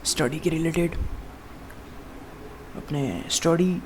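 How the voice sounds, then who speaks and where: A twenty-one-year-old man, his voice fairly high, speaks slowly in a rambling, casual fitness-vlog monologue over background noise. He repeatedly addresses the viewer as "bhai," or "bro," and frequently starts his sentences over.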